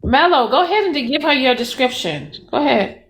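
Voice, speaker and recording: A woman's voice: sits high, sing-song, brisk, fairly bright tone. A woman hosting a casual live panel chat, playfully egging the others on. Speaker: host of a live panel show.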